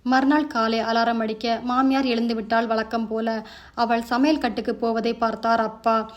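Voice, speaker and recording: Woman narrating a family story, voice on the high side. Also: little pitch movement, moderate pace, muffled recording. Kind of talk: narrated family story, reading all the parts.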